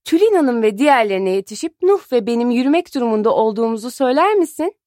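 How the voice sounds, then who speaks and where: A woman voicing a calm male schoolteacher who leads a class bike trip, making a quick, matter-of-fact request. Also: fairly high pitch, no echo, clean studio sound, close to an everyday voice. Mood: urgent.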